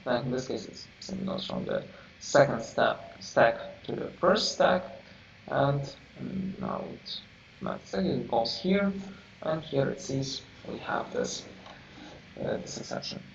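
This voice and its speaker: A man teaching a programming class, halting and searching for words as he explains, heard from a distance. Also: mid-range voice, animated, creaky. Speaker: programming instructor. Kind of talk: live coding lecture. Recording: roomy, distant, dull lo-fi mic with faint hiss.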